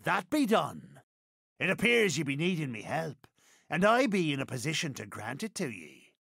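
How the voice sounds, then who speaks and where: Gravelly, swaggering pirate captain Barbossa. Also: male voice, fairly high pitch, very animated, normal speed, a bit bright, no room sound, clean studio sound, heavily acted. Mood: proud, boastful. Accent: theatrical West Country pirate. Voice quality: gravelly, raspy. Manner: theatrical, rolling archaic pirate phrasing. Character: gruff, swaggering, boastful older pirate captain. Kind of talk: video game character voice lines.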